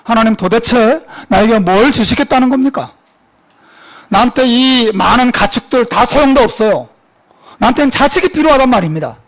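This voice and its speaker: A man's voice: very high-pitched, animated, normal speed, voice pushed up. A man preaching, putting on an anxious old man who protests and insists on what he wants. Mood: protesting.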